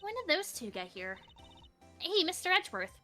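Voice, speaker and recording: A woman reading game dialogue aloud on a stream in an eager, lively way. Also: very high-pitched, moderate pace, faint music behind.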